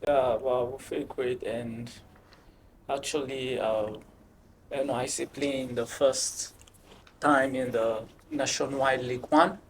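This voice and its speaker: A man with a gravelly, creaky voice, speaking as a football team captain in an interview. He talks haltingly, stumbling over and repeating words. Light noise sits under the recording. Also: medium pitch, fairly even intonation. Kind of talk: interview answers.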